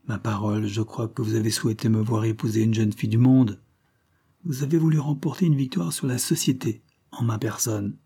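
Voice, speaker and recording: A man's voice: on the low side, fairly even intonation, brisk, warm tone, breathy edge. A man voicing a wounded, ambitious young man in a storybook reading, heated and reproachful.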